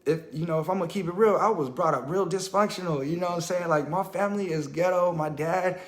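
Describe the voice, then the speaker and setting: A man's voice: high-pitched, fast talker. Earnest man telling his story, roomy echo. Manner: earnest storytelling, full of fillers and "I kid you not". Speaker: person sharing religious testimony. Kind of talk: casual Facebook livestream testimony. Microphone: phone livestream.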